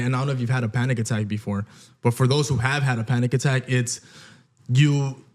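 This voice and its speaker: A man's voice: mid-range voice, a little mellow. A young man co-hosting a podcast, explaining ideas reflectively and often checking in with "right?". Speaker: podcast co-host. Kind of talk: casual chat.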